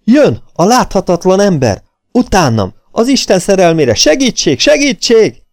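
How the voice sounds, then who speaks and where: Guy putting on a panicky shrill runaway, high squeaky voice begging for help, storybook read. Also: very animated, darkish tone, no room sound, clean studio sound. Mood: terrified pleading. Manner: shrill, pleading, panicked cries. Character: terrified shabby man fleeing, shrieking.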